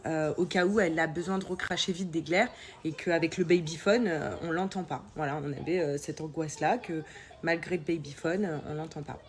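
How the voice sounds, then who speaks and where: A woman's voice: low voice, fairly even intonation, a little fast. A young woman vlogging casually as a mother, speaking informally and hesitantly, with a nasal, congested voice and a sore throat as she comes down with a cold. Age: young adult. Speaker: mother vlogging about family life. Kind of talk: casual chat to followers.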